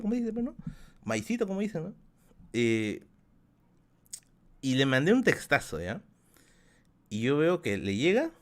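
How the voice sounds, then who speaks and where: A man in his thirties with a Peruvian accent, telling a rambling story to his live chat as a streamer host, repeating phrases and laughing often. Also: lowish voice. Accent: Peruvian Spanish. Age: 30s.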